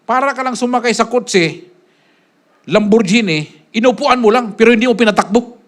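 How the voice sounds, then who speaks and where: A man preaching a sermon as pastor, swinging between loud, forceful lines and hushed asides, often tossing a quick question to the congregation. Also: extremely high pitch.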